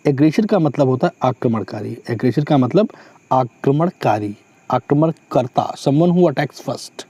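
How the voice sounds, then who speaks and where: A man teaching a vocabulary lesson, who explains slowly, repeats each meaning and often adds a tag question. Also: medium pitch, warm tone, no room sound.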